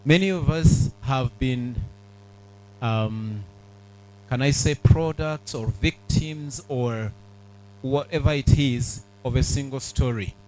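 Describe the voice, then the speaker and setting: A middle-aged man addresses an audience in an earnest, measured way. He pauses often and uses fillers. His voice is mellow and dark, with a faint hum behind it. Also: medium pitch, rough recording. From Uganda. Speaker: speaker at a book launch. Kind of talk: public speech to an audience.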